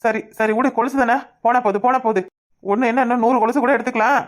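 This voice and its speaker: A woman voicing a man of the house who calms everyone down, repeating himself, in a southern Tamil Nadu accent. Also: fairly high pitch, lightly acted. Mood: calming. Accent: southern Tamil Nadu dialect. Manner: rapid, calming, repeats words. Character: man of the house, uncle figure, peacemaking.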